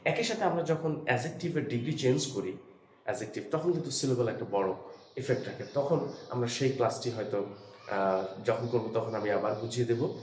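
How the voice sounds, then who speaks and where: A man's voice: mid-range voice, a little fast, darkish tone. A man teaching an English lesson in Bengali with a Bengali accent, explaining step by step and mixing in English phrases. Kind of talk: classroom lesson. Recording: echoey room, faint background hum.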